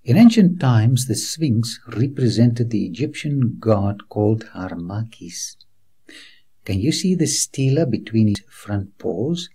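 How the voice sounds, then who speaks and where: A man narrating a documentary in a slow, unhurried delivery, guiding the viewer from place to place like a tour guide. His voice is low, dark and a little husky. His intonation rises and falls widely as he speaks earnestly and reassuringly to the viewer as a friend. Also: lively intonation. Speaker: documentary presenter. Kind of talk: scripted documentary narration with preaching asides.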